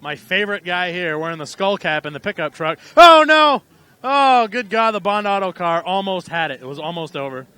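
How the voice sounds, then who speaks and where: A man with a high, sharp voice calls a live race outdoors at a small racetrack. He is loose and irreverent, swears freely, and gets excited as the cars tangle. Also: brisk, few pauses, clear, resonant tone, dry recording. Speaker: race announcer.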